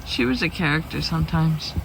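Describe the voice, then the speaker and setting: A woman's voice: low voice, expressive, brisk, creaky, background noise. An older woman chatting and narrating her camping trip at an outdoor campsite, telling stories as she goes. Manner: chatty, storytelling. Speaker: camping vlog host. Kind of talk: casual chat and narration.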